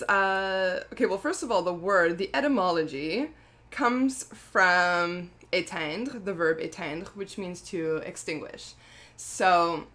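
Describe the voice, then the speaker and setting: Chatty, rambling woman with a low voice. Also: fairly bright tone. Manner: chatty and rambling, many fillers and self-corrections; laughs often mid-sentence. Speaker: skincare brand founder. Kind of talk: casual product vlog.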